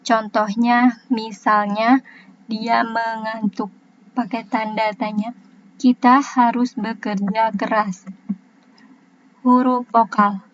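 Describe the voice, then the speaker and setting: A woman's voice: fairly high pitch, flat delivery, muffled recording. A young woman student reading a class presentation, spelling out letters and examples one by one. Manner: reads examples slowly, letter by letter.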